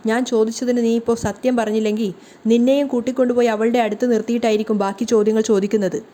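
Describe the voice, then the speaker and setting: Woman doing angry sarcastic young guy from a serial recap, mellow tone. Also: fairly high pitch, flat delivery, very fast, lightly acted. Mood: scolding. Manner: sarcastic, scolding. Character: angry scolding young man, Kiran.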